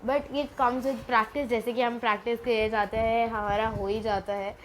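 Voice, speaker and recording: A woman with a slightly high, fairly flat voice teaches a casual Chinese lesson without hurrying, patiently explaining, mixing in English phrases, and repeating syllables as demonstrations. The recording is low quality, with faint background noise.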